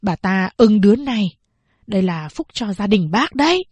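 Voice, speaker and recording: A cool, businesslike young man talks briskly and a little louder, impatient to close the deal, as a woman narrator puts him on. Husky and dry close-up sound. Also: mid-range voice, sing-song, dry recording. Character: impatient young male interpreter, cold.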